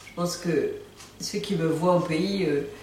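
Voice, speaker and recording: A woman's voice: low-pitched, a little slow, darkish tone, a little hiss or hum. A woman teaching a language lesson in a playful way, repeating each word for her learners. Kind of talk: casual video lesson. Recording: very echoey room, far from mic.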